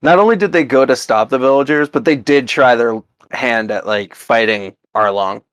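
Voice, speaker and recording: Male co-host, medium pitch, dry close sound; eager, quick to jump in. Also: fairly bright tone, smooth, no room sound. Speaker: podcast co-host. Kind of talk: casual chat.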